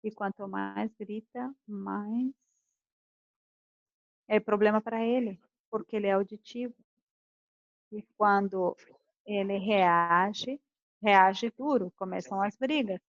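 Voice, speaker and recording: A woman's voice: mid-range voice, slow pace, pauses often, no echo, lo-fi sound. A woman teaching a class on communication, acting out couples' arguments as she explains. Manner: animated, acts out quoted couples' arguments. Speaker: communication coach. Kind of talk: lecture to a class.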